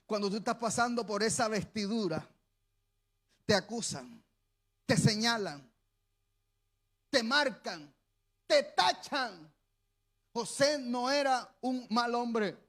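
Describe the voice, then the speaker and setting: A man preaching a sermon as pastor, calling on the congregation to repeat after him and breaking into shouted bursts. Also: very high-pitched. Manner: preaching with sudden shouted bursts and call-and-response.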